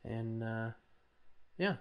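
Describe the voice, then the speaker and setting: In a low, clear and resonant voice, a man speaks extremely slowly while hosting an informal audio tutorial. His voice-over, made as he works at a computer, explains each step casually and with some hesitation.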